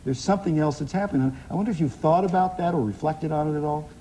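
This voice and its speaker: A middle-aged American man hosting a TV talk show, chatting in a lively way. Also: fairly high pitch, fast, slight background noise, poor audio. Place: TV studio with audience.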